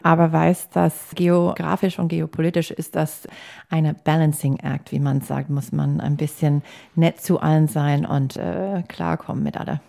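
An American woman who speaks German as a learned language, talking about her work as an election observer in a casual, halting way with many fillers. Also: low-pitched, steady tone, creaky, mellow. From United States. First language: English. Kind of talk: casual conversation. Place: Hamburg.

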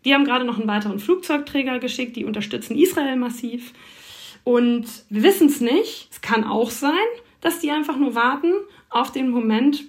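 A woman correspondent answers interview questions in detail. Her voice sits somewhat high, and she talks her way through explanations thoughtfully, with plenty of filler sounds between points. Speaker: foreign correspondent.

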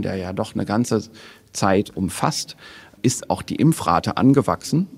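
Expert guest, male, lowish husky gravelly voice, measured and careful. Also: a little mellow. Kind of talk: podcast interview, explaining data.

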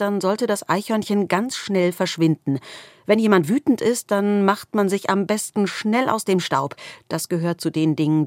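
Husky woman reading a children's story. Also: fairly low pitch, no room sound, studio quality. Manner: lively storytelling with rising tension. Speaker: story reader. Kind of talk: expressive children's book reading.

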